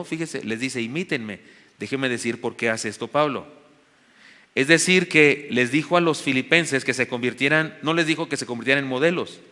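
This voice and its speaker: Bright-voiced Mexican preacher in a reverberant church. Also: male voice, medium pitch. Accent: Mexican Spanish. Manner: earnest storytelling preacher, rises to emphatic exhortation. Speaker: pastor. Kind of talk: sermon. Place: church sanctuary with long reverb.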